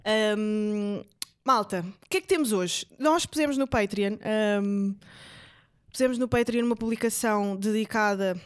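A woman's voice: medium pitch, a little slow, smooth, dry recording. Hungover young Portuguese woman podcasting. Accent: European Portuguese. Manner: slangy, informal. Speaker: podcast co-host. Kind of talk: casual podcast chat.

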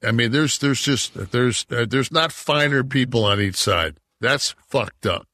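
This podcast co-host, a man from Detroit in his sixties, has a bright, forceful, mid-range voice and speaks a little slowly. His casual chat turns heated, profane and rambling, recorded in a clean studio with no echo.

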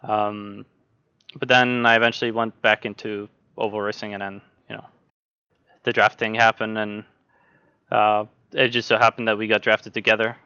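A man's voice: fairly low pitch, smooth, no room sound, muffled recording. A young man from Norway, a sim racing driver, talking casually as a podcast guest with lots of fillers and restarts. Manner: relaxed, halting, many fillers and restarts.

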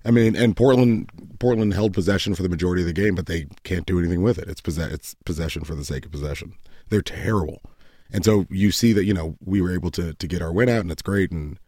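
A man's voice: low-pitched, fast talker, warm tone, dry recording. A man co-hosting a casual soccer podcast, talking in a dry, sarcastic, matter-of-fact way. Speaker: podcast co-host.

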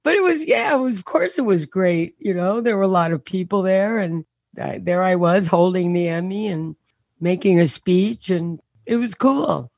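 A woman comedian telling stories in an interview over a remote call, her voice deeper than usual and worn from a show and rehearsals. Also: lively intonation, creaky, a little mellow, no room sound, studio quality. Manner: anecdotal, self-mocking, quick punchlines. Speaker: comedian guest. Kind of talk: casual storytelling interview. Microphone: remote call over unstable internet.

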